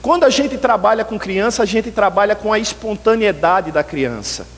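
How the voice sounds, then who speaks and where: Brief: Brazilian male preacher, high voice, lively storyteller, long church reverb. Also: moderate pace. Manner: lively storytelling, often addresses the listeners as brethren. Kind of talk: storytelling sermon. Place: church sanctuary.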